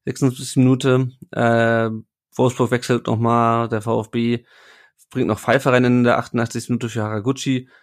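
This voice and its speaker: A man's voice: mid-range voice, level tone, normal speed. A man hosting a casual football podcast, chatting with his co-hosts and reading listener comments aloud. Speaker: podcast host.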